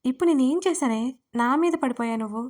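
A woman's voice: high-pitched, fast talker, darkish tone, natural voice. Woman doing a whiny, easily teased young friend. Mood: pleading.

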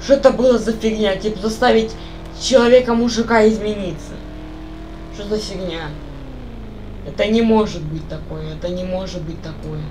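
Speaking at a medium pitch and moderate pace, this young woman talks casually on a voice call during a game. She rambles and keeps circling back to the same questions, with background noise audible.

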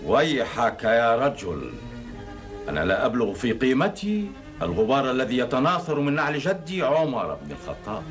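A man's voice: mid-range voice, wildly swooping pitch, moderate pace. A middle-aged man playing a pious, humble but firm caliph in a classical Arabic historical drama, speaking in a solemn, formal way. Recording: dated TV drama soundtrack with music.

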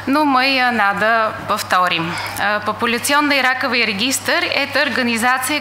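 Halting, bright-voiced woman with foreign accent. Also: on the high side. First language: not a native Russian speaker. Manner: halting, frequent hesitations. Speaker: conference lecturer. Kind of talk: slide lecture. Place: indoor lecture room. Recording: echoey room with faint hiss.

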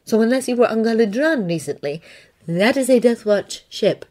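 A woman reads a fan fiction audiobook, voicing a shrewd Mandalorian woman mercenary who is dry, knowing and matter-of-fact. Her voice is a little high, expressive and a little mellow, at a moderate pace, pitched above her own voice yet close to an everyday voice.

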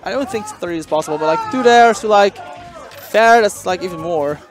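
A man's voice: high-pitched, a little fast, a crowd in the background. Man doing casual color commentary over music. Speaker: esports co-commentator. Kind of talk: live game commentary.

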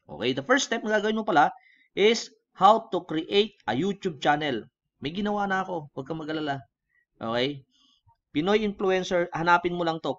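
A man with a Filipino accent hosts a relaxed screen-recorded tutorial. He mixes Tagalog and English and keeps checking in with the viewer. His voice sits a little high, and the recording sounds dull and lo-fi. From Philippines. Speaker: online tutorial host.

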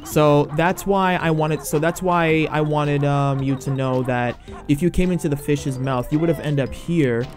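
A man giving casual gameplay commentary as a let's play host, rambling and halting with many fillers and restarts. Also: fairly high pitch, fairly even intonation, a little mellow, soft background music.

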